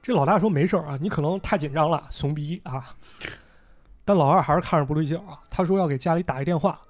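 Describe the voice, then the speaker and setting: A man's voice: on the high side, quick pace. A man hosting a podcast, casually retelling a story and voicing the characters' lines as he goes. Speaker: podcast host.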